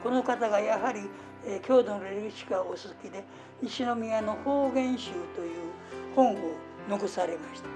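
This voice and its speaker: A woman with a Kansai accent hosting a radio talk, explaining in a gentle, unhurried way with soft fillers. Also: medium pitch, music in the background. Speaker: radio host.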